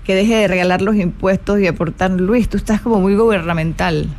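A woman's voice: medium pitch, a little fast, slight background noise. A middle-aged woman hosting a live stream, chatting casually, asking rhetorical questions, repeating words and reading viewers' comments aloud. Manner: animated, rhetorical questions and repetitions; greets viewers and reads their comments aloud. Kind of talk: casual live chat reflecting on happiness.

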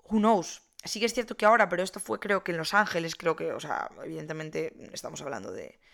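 A woman's voice: low voice, quick pace, creaky, a bit bright. A young woman, casually explaining politics in a chatty monologue, with many fillers and self-corrections.

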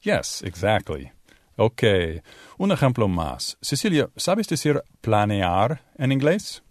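A man teaching English pronunciation in a bilingual lesson, drawing out sounds slowly to demonstrate them. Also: on the low side, huge pitch swings, no room sound, studio quality. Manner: slow, exaggerated demonstration of sounds. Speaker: Spanish-speaking English teacher.

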